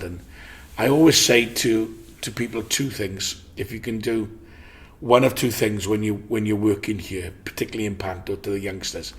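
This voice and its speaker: An older actor from Swansea, Wales, with a Welsh accent and a lowish voice, reminisces about his theatre career in an interview. A warm storyteller, he often restarts his sentences and grows brighter and louder when enthusiastic.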